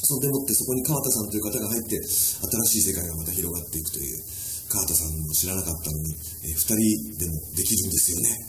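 A man's voice: low voice, fast, darkish tone, roomy sound, faint music behind, poor audio. A male radio host reading listener mail on air and adding playful asides between the lines. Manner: reads letters aloud with playful asides.

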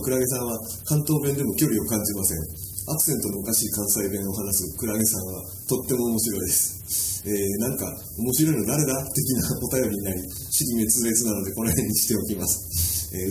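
A man's voice: lowish voice, echoey room, background noise. A male radio host reading listener mail on air and adding playful asides between the lines. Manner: reads letters aloud with playful asides.

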